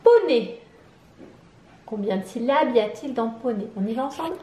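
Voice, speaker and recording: A woman with a French accent, teaching syllables to a young child, clapping out each syllable slowly and asking questions. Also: on the high side, animated, dark tone, roomy sound, slight background noise. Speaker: preschool teacher. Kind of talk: slow, sing-song phonics lesson for young children.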